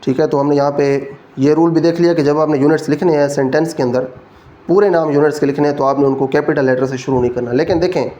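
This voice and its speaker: In this classroom lecture, a male physics teacher speaks in a high-leaning, mellow voice with a Pakistani Urdu accent. He breaks down every rule one step at a time, pausing to make sure his students are following.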